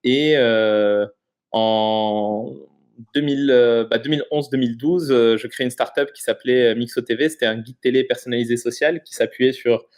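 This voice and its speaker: A man in his thirties, originally from Morocco, talks as an interview guest at an ordinary middle pitch. He explains at length in a relaxed, conversational way, stopping often to find his words. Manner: explanatory, halting with frequent pauses. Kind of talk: casual interview chat.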